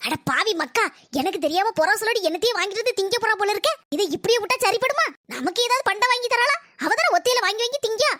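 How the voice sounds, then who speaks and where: Woman voicing a shrill nagging village mother-in-law. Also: lively intonation, fast talker, hardly any pauses, dry recording, full character voice. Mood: scheming. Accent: southern Tamil Nadu. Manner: nagging, sharp-tongued. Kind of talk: cartoon voice acting.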